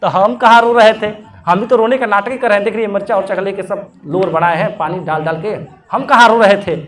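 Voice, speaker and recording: A man's voice: high-pitched, brisk, a bit bright, far from the mic. Man voicing an indignant housewife. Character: housewife faking a quarrel.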